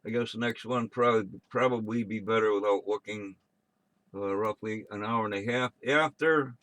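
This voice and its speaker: An American man working as net control on an amateur radio net, reading check-ins and announcements in a halting, offhand way with muttered asides. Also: fairly low pitch, fairly bright tone, no echo.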